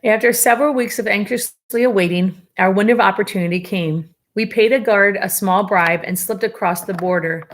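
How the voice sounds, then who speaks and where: Reading a memoir to her class, a female teacher keeps a steady, slightly fast pace with hardly any pauses in her mid-range voice. She fixes minor slips and now and then makes an offhand comment to the students.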